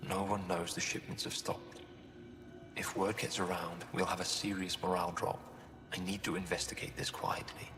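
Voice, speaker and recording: An actor playing a guarded, anxious male supply officer in a video game, speaking in a hushed, businesslike way. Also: low-pitched, big pitch swings, moderate pace, creaky, in a large hall, noisy background, heavily acted. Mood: worried. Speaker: requisitions officer.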